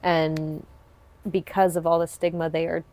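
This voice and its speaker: A woman's voice: deep voice, level tone, measured pace, a little mellow, slight background noise. A woman hosting a podcast, chatting earnestly and supportively in long, winding sentences. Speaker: podcast host. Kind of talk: casual interview chat.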